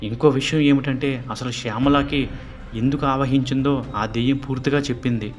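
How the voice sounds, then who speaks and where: A man voicing a calm holy man who drives out ghosts, explaining in a steady way. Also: mid-range voice, moderate pace, close to an everyday voice.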